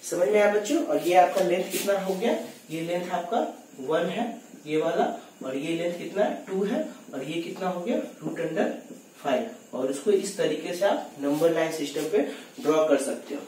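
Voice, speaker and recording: A man teaching maths to students, reading exam questions slowly and working through them step by step. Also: high voice, lively intonation, darkish tone. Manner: talks to students as kids, reads questions slowly, explains step by step. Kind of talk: exam solution lesson. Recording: very echoey room, distant mic, faint noise.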